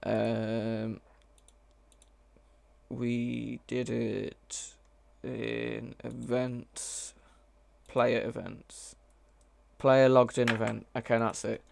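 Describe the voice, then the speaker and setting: A man's voice: mid-range voice, flat delivery, very slow, gravelly, long pauses, darkish tone, no room sound. A man streaming live as he codes, chatting casually and thinking aloud, often hesitant and correcting himself. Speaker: mod developer streaming live. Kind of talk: casual live coding commentary.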